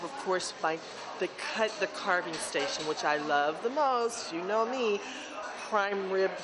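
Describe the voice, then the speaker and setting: A woman's voice: medium pitch, background noise. A woman hosting her own lifestyle show, filming herself with a handheld camera at a hotel brunch, chatty and playful, laughing between bites. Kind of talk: casual food vlog, self-filmed. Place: busy hotel brunch restaurant, indoors. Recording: loud crowd chatter in a busy restaurant. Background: crowd of diners.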